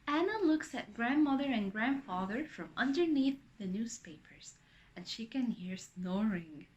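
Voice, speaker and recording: A woman reading a picture book aloud to young children, pausing to ask them questions. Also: on the high side, highs cut off. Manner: animated, with asides and questions to young listeners.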